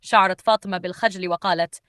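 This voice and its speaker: Calm woman storyteller, dry sound. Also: on the low side, quick pace, dry recording. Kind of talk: scripted story narration.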